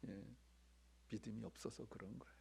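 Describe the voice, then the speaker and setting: A Korean-American man preaching a sermon as pastor, swinging between loud, excited bursts and hushed near-whispers while asking his congregation questions. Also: on the low side, brisk, vocal fry, a little hiss or hum. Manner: conversational, asks the congregation questions.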